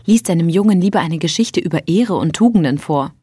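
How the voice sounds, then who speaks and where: Practical, teasing woman, in the reader's own voice; curt, low and mellow, audiobook. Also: animated, a little fast, slightly rough, no room sound, clean studio sound. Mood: brisk. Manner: curt, matter-of-fact.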